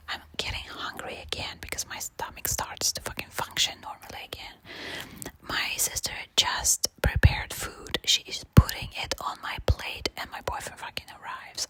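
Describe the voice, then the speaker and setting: A woman whispering quietly, as if at night, telling a casual, sweary, exasperated personal story in ASMR style. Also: rough recording. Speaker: storyteller sharing a personal anecdote.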